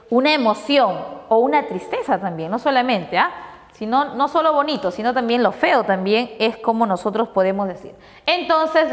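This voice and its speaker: A woman's voice: on the high side, in a large hall. A woman teacher from Peru walking pupils through test answers, asking questions and answering them herself. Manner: explanatory, asks and answers her own questions.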